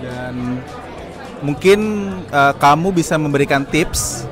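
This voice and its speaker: Higher-voiced Indonesian man hosting casual interviews. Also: slow pace. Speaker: interviewer, host. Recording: music and crowd noise.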